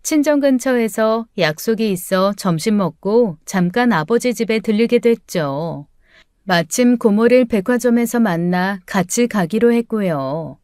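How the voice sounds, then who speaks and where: A woman's voice: mid-range voice, lively intonation, unhurried, darkish tone, clear, resonant tone, no room sound, studio quality. A woman narrating a first-person audiobook story in a confiding, conversational way.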